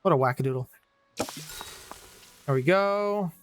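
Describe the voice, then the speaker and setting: A man commentating his game play-through with loud, jokey, animated reactions. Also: a little high, a little slow, soft background music. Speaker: let's play host. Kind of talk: gaming commentary.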